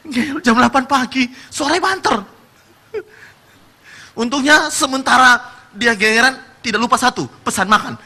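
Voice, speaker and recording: A high, piercingly bright male voice preaching with a lilt. He tells lively stories and slips into the voices of the people in them, dropping to quiet asides and then rising to loud declarations. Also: measured pace, long pauses, slightly rough. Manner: animated storytelling, acting out quoted people, swinging between soft and shouted. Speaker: pastor. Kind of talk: sermon.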